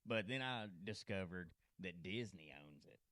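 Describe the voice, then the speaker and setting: A man's voice: sits low, lively intonation, normal speed, pushed and bright, dry recording, studio quality. A man hosting a podcast, talking in a rambling way and laughing easily. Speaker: podcast host. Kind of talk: casual chat. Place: podcast studio.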